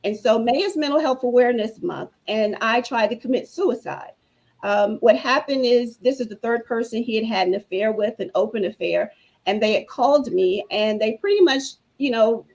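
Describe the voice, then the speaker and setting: A woman's voice: fairly high pitch, vocal fry, darkish tone, low-quality recording. Earnest woman giving preacherly testimony. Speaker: guest speaker. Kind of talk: personal testimony on a talk show.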